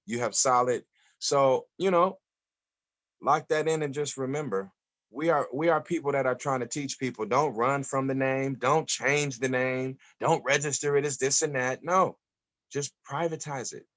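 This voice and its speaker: Man, mid pitch, emphatic and preachy, talks over a group call. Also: moderate pace, fairly bright tone. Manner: emphatic, preachy, repeats phrases.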